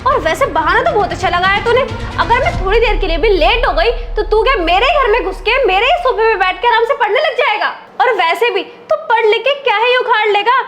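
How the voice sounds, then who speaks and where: A woman's voice: lively intonation, fairly quick, few pauses, a bit bright, soft background music. A young woman playing an arrogant rich wife who scolds and mocks her driver. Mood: scornful. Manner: shrill, scolding, mocking. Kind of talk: amateur web drama acting.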